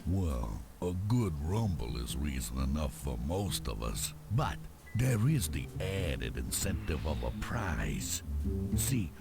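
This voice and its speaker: An actor playing a seedy, cynical tough-guy bowling alley boss in a cartoon game, gravelly, swaggering and sneering, full of slang. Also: a bass voice, sing-song, takes it slowly, full character voice. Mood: swaggering, boastful. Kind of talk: cartoon adventure game acting. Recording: loud music behind the voice.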